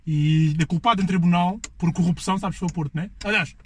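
A man's voice: sits high, brisk, breathy edge. A man with a Portuguese accent hosting a casual podcast, teasing his guest and talking over him. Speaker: podcast host. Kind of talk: casual banter.

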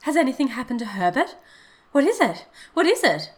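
A woman's voice: mid-range voice, fairly even intonation, a little fast, lightly acted. A woman doing a frantic old mother. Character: anxious elderly mother, loving wife. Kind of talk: storybook reading.

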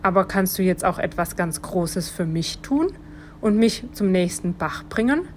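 A woman's voice: on the low side, animated, unhurried, slight background noise. A woman voicing a cheeky, easygoing little male earthworm in a children's storybook, cheerful and a bit bossy.

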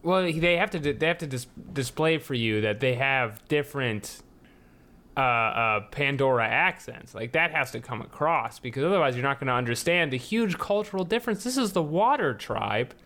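A man who is a podcast guest, chatting casually and dropping wry, deadpan jokes. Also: mid-range voice, moderate pace. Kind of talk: casual chat.

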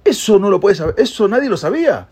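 A man's voice: sits high, sing-song, fast talker, a little mellow, husky, voice pushed up, full character voice. A man voicing a startled, indignant ancient Persian king who fires off sputtering, demanding questions. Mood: incredulous.

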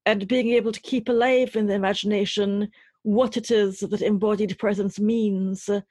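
A poet and writer from Trinidad answers interview questions in a reflective, literary way, choosing her phrases deliberately. Her middle-pitched voice is husky and dark with a breathy edge and a steady tone. The recording is dry, with hardly any room sound and no echo.

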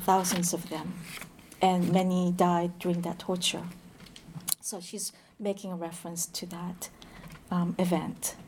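A woman giving a poetry reading, reading slowly and in a measured way, with short introductions full of hesitant pauses. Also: lowish voice, warm tone, slight background noise.

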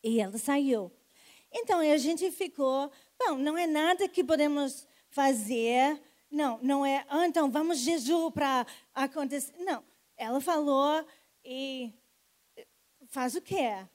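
A woman's voice: sits high, a little slow, a little mellow. A woman preacher telling a healing testimony and calling people forward to pray. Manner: storytelling, calling people forward with rising energy. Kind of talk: sermon testimony and altar call.

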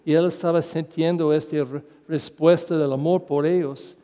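Priest w english accent, mellow high-ish voice, asks the pews questions. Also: male voice, fairly even intonation, long reverb tail. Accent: English-speaking. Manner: halting, questions to the congregation. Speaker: parish priest. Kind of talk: sermon.

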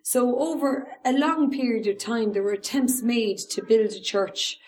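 A woman with an Irish accent telling local history as an informal storyteller, pausing hesitantly as she goes. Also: on the high side, darkish tone.

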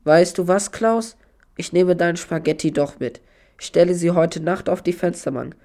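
A man's voice: high voice, normal speed, warm tone. An actor playing an eager, defensive young man telling a strange story in a children's audio drama. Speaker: Jan, the friend telling the story.

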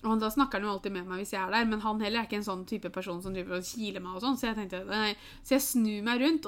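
Chatty young woman telling a story. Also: medium pitch. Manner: lively anecdotal, acts out quoted lines. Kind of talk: casual storytelling chat.

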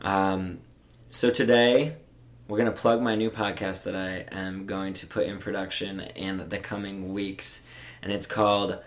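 A man's voice: low-pitched, flat delivery, unhurried. A young man hosting a podcast, chatting casually and rambling with easy laughs. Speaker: podcast host. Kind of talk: casual chat.

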